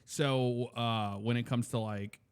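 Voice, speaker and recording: A man's voice: mid-range voice, steady tone, takes it slowly, clean tone. Rambling man chatting on a podcast. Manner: rambling, filler-heavy storytelling. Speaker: podcast co-host. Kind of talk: casual chat.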